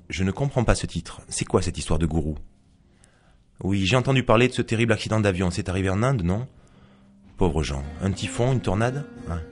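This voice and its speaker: A man's voice: lowish voice, a little mellow, pitched above the performer's own voice, lightly acted. A man reading aloud as a first-person narrator, a sardonic psychologist who scorns belief, in a dry, mocking monologue. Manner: dry, mocking monologue with asides to an unseen listener. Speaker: author reading his novel aloud.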